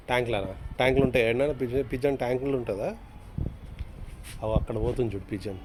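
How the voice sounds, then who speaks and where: A parent gently coaxing a toddler son, repeating short questions and simple commands on an outdoor rooftop. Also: medium pitch, fast, noisy background. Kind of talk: casual home video chat with a small child.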